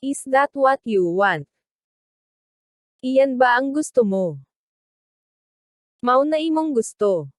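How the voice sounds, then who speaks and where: A woman teacher reads short phrases in a very slow, careful drill. Her voice sits fairly high, and the recording is dry and close. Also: lively intonation, no room sound. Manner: reads each phrase slowly and deliberately. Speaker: language teacher. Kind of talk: slow read-aloud translation drill.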